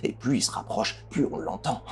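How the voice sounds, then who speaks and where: A man's voice: fairly low pitch, normal speed, lightly acted. A man voicing a small frightened kobold in a tabletop game, stammering and half-whispering. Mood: frightened, hushed. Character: small panicked kobold, furtive and pleading.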